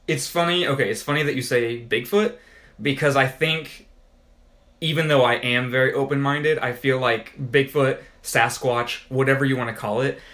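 A man co-hosting a podcast in loose, easygoing conversation. His voice sits at an ordinary middle pitch, and he wanders through his points with frequent fillers and restarts. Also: fairly bright tone. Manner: rambling, full of "like" fillers and restarts. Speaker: podcast co-host. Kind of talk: casual chat.

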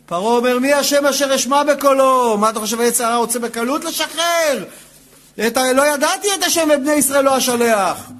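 Rabbi, male, very high voice, dramatic storyteller who acts out each speaker's lines. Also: a bit bright, soft background music. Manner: dramatic, acts out dialogue with shifting voices, rhetorical questions. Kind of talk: animated Torah lesson.

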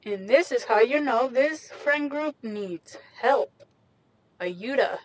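A young woman chats to her audience from the driver's seat of a small parked car, speaking close into a microphone. She rambles in a slangy, self-mocking way and takes her time, drawing her words out at an unhurried pace. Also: high-pitched, no room sound, poor audio. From Mexican heritage. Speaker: vlogger. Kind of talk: casual chat. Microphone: handheld USB microphone.

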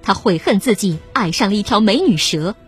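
Woman storyteller, lively pitch, steady read. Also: brisk, soft background music. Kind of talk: scripted narration.

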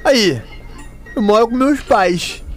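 A man's voice: sits high, expressive, slow, soft background music. A radio host playing a laid-back guy who tells a joke in slangy, breezy speech. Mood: joking. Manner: breezy, slangy, calls everyone "meu irmão".

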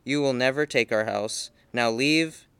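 A man's voice: mid-range voice, measured pace, fairly bright tone, clear, resonant tone, no echo. A man reading aloud, voicing a defiant elderly mother who refuses to give up her house. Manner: firm, commanding.

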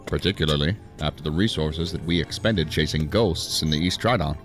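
An actor playing a dry, authoritative male assistant director of a federal agency in a science fiction audio drama, speaking in a measured, formal, wry way. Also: a bass voice, soft background music. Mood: measured, firm.

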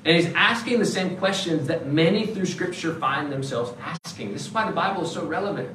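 A male pastor preaching a sermon in a conversational, animated way, slipping into quick acted asides. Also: fairly high pitch. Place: church sanctuary. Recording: roomy, distant church recording with faint background noise.

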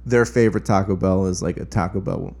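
A man with a fairly low voice hosts a casual podcast chat. He asks curious questions in an even, plain way. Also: a little fast, vocal fry. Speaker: podcast host.

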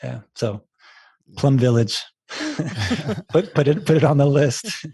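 Chatting casually as a guest, a man speaks slowly in a husky, slightly breathy, mid-range voice that's mellow. His talk wanders, with restarted sentences and plenty of fillers, and the recording is close and dry, free of room sound.

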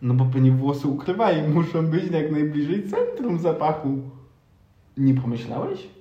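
A man's voice: on the high side, big pitch swings, normal speed, mellow, dull audio. A young man co-hosting a casual chat, musing aloud with half-serious, sarcastic theories. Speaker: podcast co-host. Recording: echoey room.

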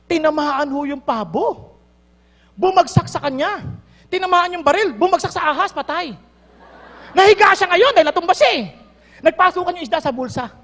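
A woman with a very high voice preaches to a congregation, switching between Tagalog and English. She tells her stories in a lively way and laughs often. Her voice echoes with a long reverb, as if she is in a large hall. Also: normal speed, pauses often. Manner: mixes Tagalog and English, animated storytelling with laughs. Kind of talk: sermon with storytelling.

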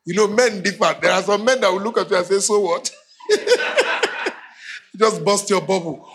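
A Nigerian pastor in middle age tells funny stories from the pulpit, laughing and acting out voices as he goes. His voice sits high and swings widely. It is bright, with a gravelly, husky edge. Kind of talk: humorous sermon storytelling.

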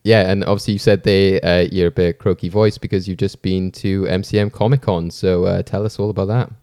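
A man's voice: sits low, little pitch movement, brisk, darkish tone, no room sound, studio quality. A man hosting a podcast in an informal, rambling, chatty way. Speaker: podcast host. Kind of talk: casual hosting chat.

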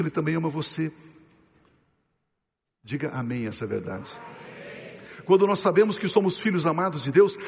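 A male pastor preaching a sermon, asking the congregation rhetorical questions and slowing down and dropping low to stress his points. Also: a little mellow, big-room sound.

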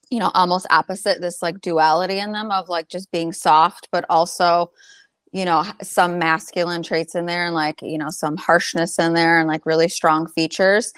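Woman in her thirties, low voice, chatty and laughing, dry close sound. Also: no echo. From Albanian heritage. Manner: chatty, laughs often, many fillers. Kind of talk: conversational interview.

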